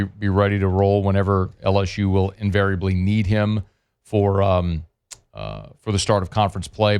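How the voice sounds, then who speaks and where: A man hosting a sports talk radio show, chatting energetically with frequent fillers and quick asides, on a studio microphone. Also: fairly low pitch, clean tone.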